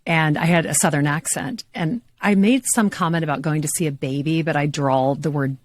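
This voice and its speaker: A middle-aged woman from Louisiana hosting an interview show, upbeat and quick to laugh. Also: low voice, no room sound. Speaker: podcast host.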